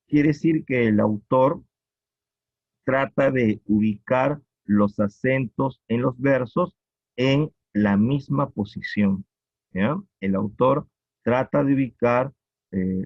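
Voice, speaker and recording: A man with a Peruvian accent teaching a poetry lesson, explaining slowly and repeating each point with checking questions. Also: medium pitch, gravelly, husky, no room sound. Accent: Peruvian Spanish. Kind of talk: classroom lecture on poetry. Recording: dull lo-fi recording.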